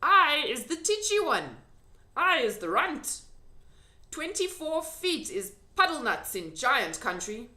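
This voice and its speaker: A woman reading a children's storybook gives full voice to a friendly old giant, who speaks slowly in excitable, emphatic bursts with quaintly mangled grammar while animatedly explaining something. The character voice is bright and leaps around in pitch. The room sounds echoey.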